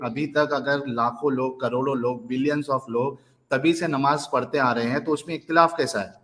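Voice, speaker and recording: A man's voice: mid-range voice, fairly even intonation, moderate pace, fairly bright tone. A man hosting a heated online debate, insistent, interrupting and pressing for proof. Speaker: debate host.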